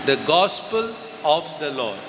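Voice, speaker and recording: A man with a Goan accent, a priest reading the Gospel and preaching at a pulpit microphone in a large church, speaking in short, measured phrases. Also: on the high side, big pitch swings, noisy background. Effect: heard through a pulpit microphone in a church. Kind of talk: Mass reading and homily. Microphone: pulpit microphone over church speakers. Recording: echoey church with long reverb.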